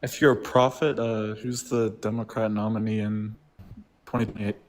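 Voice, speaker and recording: A man's voice: on the low side, level tone, moderate pace. A man calling in over a video call that lags, debating casually and hesitantly with many "like" fillers. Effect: heard over a lagging video call. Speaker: caller debating the host.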